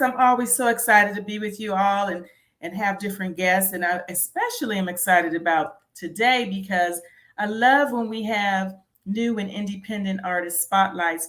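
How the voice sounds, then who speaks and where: A woman's voice: mid-range voice, fairly bright tone. A woman hosting a casual interview in an effusive, encouraging way. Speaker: interview host.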